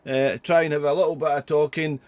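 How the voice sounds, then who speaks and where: Here a man with a fairly high, flat, brisk delivery rambles casually as a ham radio operator, repeating himself and finishing phrases with "there." There's no room sound, and he's in a small indoor radio room at home.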